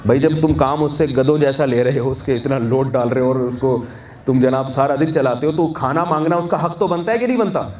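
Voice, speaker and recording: An Islamic scholar with a Pakistani Urdu accent delivers a sermon at a wedding feast in a large reception hall, posing questions to the audience and answering them himself. His medium-pitched voice is slightly mellow. The recording is echoey from a distant mic, with a faint hum.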